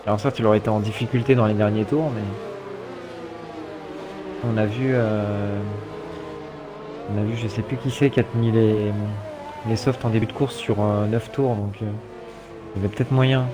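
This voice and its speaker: A man's voice: on the low side, fairly even intonation, moderate pace, long pauses. A man giving live motorsport commentary as a race commentator, calling the action with casual asides. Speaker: esports sim racing commentator.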